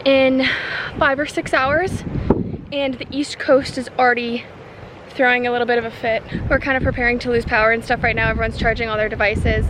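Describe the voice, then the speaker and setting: A woman casually vlogging outdoors by windy water, raising her voice over the wind. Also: high voice. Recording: wind noise on outdoor mic. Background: strong wind.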